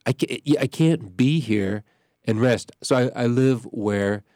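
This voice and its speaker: A man's voice: medium pitch, unhurried, a little mellow, no room sound, studio quality. A congested man, a pastor hosting a radio show, talking in a rambling way that keeps breaking off and restarting. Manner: rambling, self-interrupting. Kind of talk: casual radio chat. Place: radio studio.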